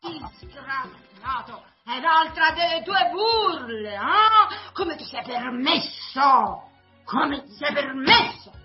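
A woman's voice: high-pitched, big pitch swings, slow, muffled recording, faint music behind, exaggerated voice. An actress playing a fussy, doting elderly aunt who gushes over her plant and then scolds furiously. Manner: gushing, exclaiming, then scolding.

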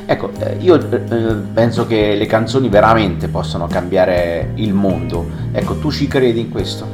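A man's voice: lowish voice, normal speed, over music. A male radio host asking long, rambling questions, often filling with "insomma" and "no?". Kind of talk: radio interview.

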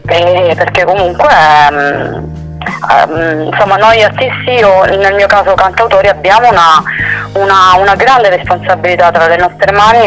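Thoughtful high-voiced male singer, soft music. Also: low-quality recording. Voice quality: soulful voice. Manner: thoughtful, searching for words with many fillers. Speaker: singer-songwriter guest. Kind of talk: reflective interview answers.

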